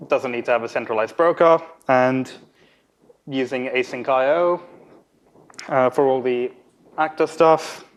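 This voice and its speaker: Young guy doing a casual tech talk, halting and unhurried. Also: medium pitch. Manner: halting, hesitant delivery. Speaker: conference speaker. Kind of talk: informal technical lightning talk. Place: conference room at a podium. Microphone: podium microphone.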